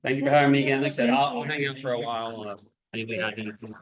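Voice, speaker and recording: A man, a police lieutenant, answering informally at a community meeting in a halting way with repeated phrases. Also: mid-range voice, steady tone.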